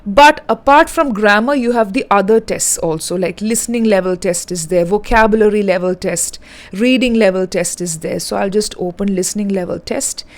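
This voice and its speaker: A woman talks learners through practice steps at a medium pitch. She is direct and instructive, breaking each task into clear steps. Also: normal speed. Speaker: English teacher. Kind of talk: online language lesson.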